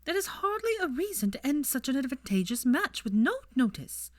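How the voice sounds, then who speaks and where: In an audiobook story, a woman voices a haughty aristocratic mother with cool disapproval, curt and formal, her disdain clipped. Her voice is high-pitched and pushed up, swinging widely in pitch at a normal speed. The recording is dry, with clean studio sound.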